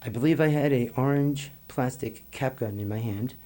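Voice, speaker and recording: A man's voice: medium pitch, moderate pace, mellow. A middle-aged man, a guest on a podcast, telling a long story in a rambling, profane way and laughing between lines. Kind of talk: casual storytelling.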